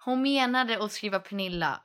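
A young woman chatting casually as a podcast co-host, telling a story in an animated way and mixing in English phrases. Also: mid-range voice. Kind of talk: casual chat.

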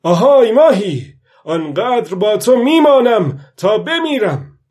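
A man reading an audiobook voices a stubborn old fisherman who calls out loudly across the sea. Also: sits high, very animated, voice pushed up. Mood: defiant. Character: weathered old male fisherman, stubborn and patient.

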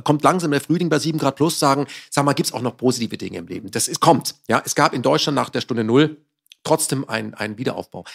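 A man's voice: a little high, creaky. A man musing reflectively as a podcast guest, in a preaching way. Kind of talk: casual podcast chat.

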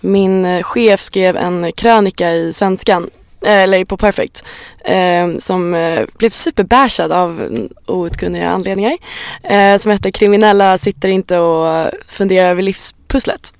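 A young woman co-hosting a podcast in casual chat, talking fast and loose with lots of fillers, restarts and swearing. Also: mid-range voice, steady tone, smooth, no room sound, clean studio sound. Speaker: podcast co-host.

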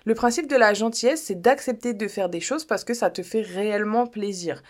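A woman's voice: medium pitch, fairly quick. A woman hosting a podcast, talking in a casual, blunt and playful way, directly addressing the listener. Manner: chatty, blunt and playful, slips in joking foreign-accent bits. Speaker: podcast host. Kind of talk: casual self-help podcast monologue.

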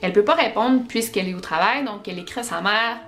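A woman with a Québécois accent, hosting a podcast and telling paranormal stories in an animated, chatty way. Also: medium pitch, fast, faint music behind. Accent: Québécois French. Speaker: podcast host.

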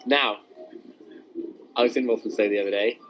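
A man's voice: fairly low pitch, fairly even intonation, moderate pace, over music. A man co-hosting a casual podcast, rambling playfully with many ums. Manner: rambling, hesitant, playful with fillers. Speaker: podcast co-host. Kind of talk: casual chat. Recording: dull lo-fi home recording with clear noise.

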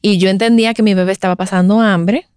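Casting note: woman, 40s, lively storyteller in an interview, dry close sound. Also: medium pitch, quick pace, clear, resonant tone, no echo. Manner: animated, acts out quoted voices. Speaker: guest speaker on breastfeeding.

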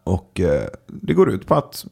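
A man chatting as a podcast guest, telling stories in a relaxed way with many filler sounds. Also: low-pitched, gravelly, breathy edge. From Sweden. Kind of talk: casual storytelling chat.

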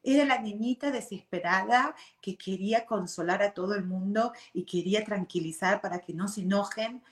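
Expressive Argentine woman in her forties. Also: mid-range voice, moderate pace, a little hiss or hum. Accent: Argentine Spanish. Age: 40s. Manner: expressive, tags sentences with "¿ok?", drops in English words. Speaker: show host. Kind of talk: casual personal talk. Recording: roomy echo.

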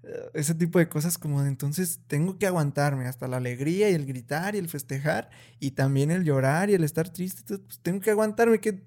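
A man in casual conversation who talks slowly and thoughtfully and raises his voice to act out scolding parents. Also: on the high side, a little mellow. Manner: slow and deliberate, many fillers.

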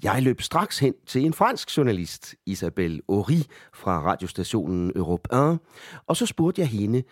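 Lively low Danish male correspondent. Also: normal speed, dry recording, studio quality. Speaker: news correspondent. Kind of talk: news report narration.

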